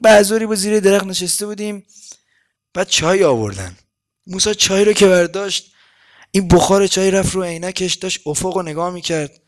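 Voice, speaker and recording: A man voicing a sly, smooth-talking male deceiver who spins a tall tale in a chatty, mock-intimate way, inside a sermon. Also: high voice, voice pushed up, lightly acted. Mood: boastful. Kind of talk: sermon storytelling.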